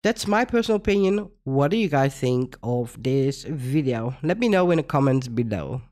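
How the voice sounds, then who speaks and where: A woman's voice: extremely low pitch, lively intonation, moderate pace, a little mellow. A Dutch woman hosting a casual reaction video, talking with frequent laughter and incredulous rhetorical questions. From Netherlands. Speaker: reaction channel host.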